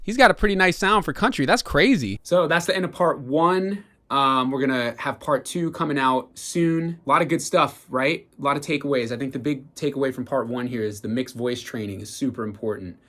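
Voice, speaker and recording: A man's voice: medium pitch, brisk, hardly any pauses. A man who is a vocal coach, giving an enthusiastic, casual reaction commentary full of "like" fillers. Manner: enthusiastic, lively, frequent "like" fillers, bursts of singing demonstrations.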